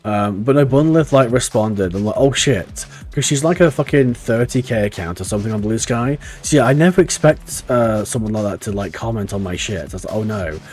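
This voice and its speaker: A man's voice: fairly low pitch, animated, a little fast, hardly any pauses, a little mellow. A man streaming a game live, chatting casually and rambling, swearing freely with lots of restarts. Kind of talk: casual live-stream chat while gaming. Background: faint game music.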